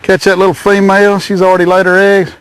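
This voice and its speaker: A man's voice: high voice, fast talker, clean tone. A middle-aged man hosting a fishing show from a small boat on a lake, hollering and cooing at the fish as he reels them in. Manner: excitable, hollers and coos at the fish. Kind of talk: excited outdoor fishing commentary.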